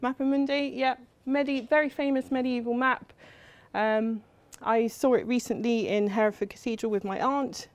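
A middle-aged woman from England lecturing at a university, her voice pitched a little high. She talks in a chatty, self-deprecating way, full of ums and asides. The sound is dry and close. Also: fairly even intonation, moderate pace, few pauses, no room sound. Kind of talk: academic lecture.

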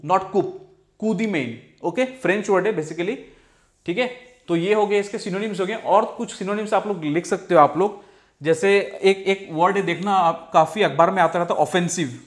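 Indian male vocab tutor, higher voice, Hindi-English mix, drawls definitions, constant "okay" check-ins. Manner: keeps saying "theek hai" and "okay". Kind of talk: explaining vocabulary from slides.

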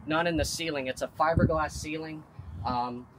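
A man's voice: on the high side, steady tone, moderate pace, a loud crowd, rough recording. A man in his thirties explaining product features outdoors in a confident, detailed sales manner. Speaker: manufacturer representative. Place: outdoors at a vehicle lot.

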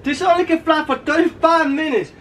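A man's voice: very high-pitched, fairly even intonation, a little fast, a bit bright, recorded from a distance, a little hiss or hum. A man in casual couple banter, teasing and laughing, sometimes bursting out in exasperation. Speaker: co-host of couple channel.

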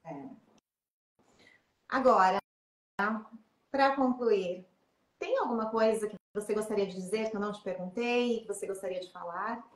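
A woman from Brazil with a Brazilian Portuguese accent, hosting an interview and telling stories in a lively way with frequent laughter. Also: mid-range voice, normal speed, pauses often. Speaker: interview host. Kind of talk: casual interview and storytelling. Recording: echoey room.

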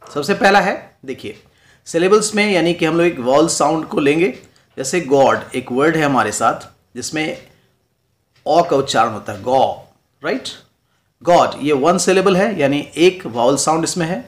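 In a classroom lecture, a Hindi-speaking male teacher explains poetry, blending English terms into his explanations and checking in with "right?". His voice is on the high side and animated, at a moderate pace.

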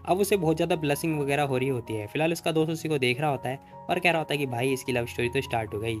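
A man's voice: a little high, very fast, faint music behind. A man narrating a comic story recap in a chatty, filler-heavy way.

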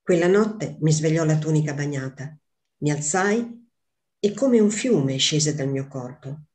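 A woman reading aloud as a young mother grieving her lost newborn, in a slow, measured literary reading. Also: sits low, expressive, darkish tone. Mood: sorrowful.

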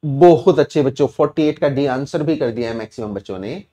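A man with an Indian English accent teaches an online exam-prep English class, walking through answers step by step and quizzing his students. His mid-range voice is mellow and brisk.

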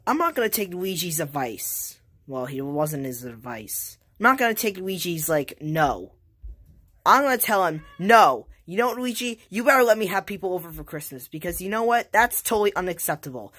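A woman voicing an eager plumber hero who rambles excitedly to himself in a homemade plush toy skit. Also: lowish voice, no room sound, exaggerated voice. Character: eager plumber hero, a grown man who loves snacks.

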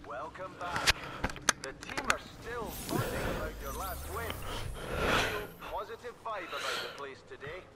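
An actor playing a male team manager in a video game, giving brisk briefings. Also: high-pitched, animated. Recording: crowd noise behind.

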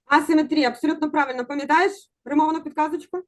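A woman's voice: high-pitched, steady tone, fast talker. A woman teaching an online exam-prep lesson over a video call, encouraging and coaxing her students to answer.

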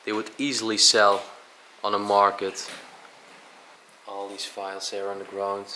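A man's voice: lowish voice, completely flat delivery, a little slow, background noise. A young man co-hosting an exploration vlog, describing abandoned rooms in an easygoing, slangy way. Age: young adult. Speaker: urban explorer, co-host. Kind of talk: casual exploration vlog commentary. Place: large abandoned mansion, indoors.

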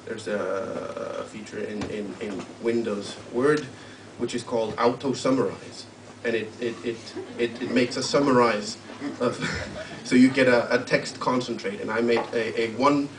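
A man introducing his poem at a live reading, halting and searching for words as he explains it. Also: medium pitch, steady tone. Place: live literary event hall. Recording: roomy, distant live mic with faint hum.

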